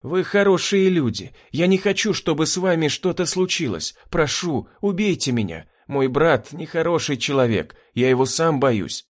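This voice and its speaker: A man's voice: on the high side, lively intonation, moderate pace, few pauses, pitched above the performer's own voice. A man voicing a big, chubby male engineer who sobs and pleads in fear. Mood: tearful. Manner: sobbing, pleading.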